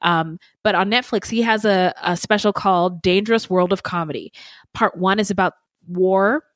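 A woman's voice: medium pitch, normal speed, dry recording. A woman co-hosting a casual podcast, chatting with lots of ums and restarts. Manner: chatty, many fillers and restarts. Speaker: podcast co-host.

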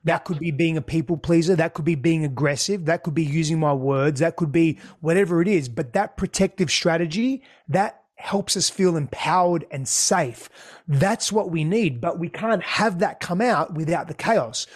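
Speaking at normal speed, a man from Australia, described as Greek, reflects frankly as an interview guest. He often repeats words when reaching for a thought, and his voice is a bit high for a man.

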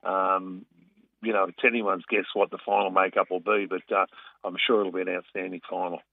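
An Australian man talking as a racing guest in a casual radio interview, conversational and a bit halting. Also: low-pitched, flat delivery, gravelly, no echo, narrow, tinny audio.

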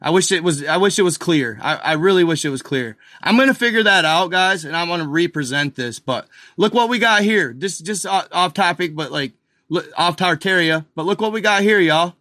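A man hosting a casual video, talking excitedly over images on screen, speculating and firing questions at his viewers. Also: high-pitched, fairly quick, no room sound, clean studio sound. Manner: addresses viewers as guys and y'all, lots of fillers. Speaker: video host.

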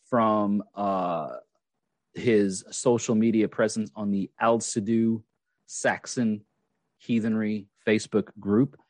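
A man's voice: lowish voice, darkish tone, dry recording. A man hosting a casual podcast, rambling with many fillers and restarts. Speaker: podcast host.

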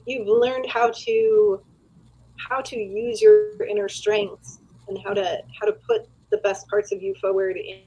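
A woman interviewer on a video call whose gentle, reflective words slow down and break up as the connection buffers. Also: medium pitch, flat delivery, breathy edge, highs cut off. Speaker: therapist interviewer.

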